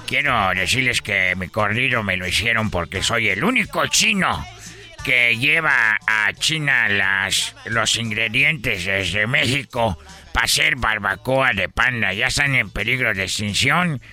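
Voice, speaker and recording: A man voicing a boastful foreign street-food vendor with a thin, singsong delivery, telling deadpan absurd jokes in a radio comedy sketch. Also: fairly low pitch, a little slow, faint music behind, heavily acted. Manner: deadpan absurd jokes, acting out other voices. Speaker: comic character.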